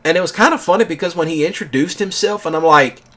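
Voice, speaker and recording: A man's voice: a little high, fast, fairly bright tone. A man in his thirties telling a long personal story in a casual monologue, rambling with lots of fillers. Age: 30s. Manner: rambling, filler-heavy with many "you know"s. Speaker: gaming channel host.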